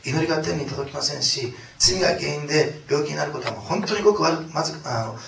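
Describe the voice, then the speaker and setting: A male pastor preaches and prays with animated swings, loud in some lines and hushed in others. He sounds far from the microphone in an echoey church hall. Steady noise runs underneath the recording. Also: fairly high pitch, fast, gravelly. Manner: animated, acts out quotes loudly then drops to hushed tones. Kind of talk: sermon and prayer. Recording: echoey room from far off, noisy.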